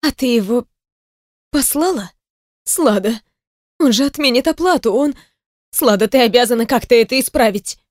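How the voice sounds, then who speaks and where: A woman voicing a desperate older sister who cannot walk, pleading in a shrill, hoarse voice in an audiobook. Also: expressive, normal speed, long pauses, no room sound, studio quality, close to an everyday voice. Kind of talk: audiobook character voice.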